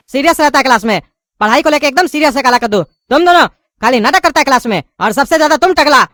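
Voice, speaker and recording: A woman's voice: high-pitched, fairly bright tone. Woman playing an impatient scolding cartoon schoolteacher. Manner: scolding, corrects pronunciation. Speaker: teacher.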